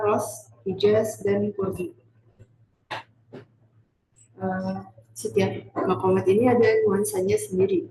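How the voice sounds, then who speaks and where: Teen girl student presenter, hesitant and unhurried, echoey classroom recording with faint background noise. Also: mid-range voice, warm tone. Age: teens. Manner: hesitant, many pauses and fillers.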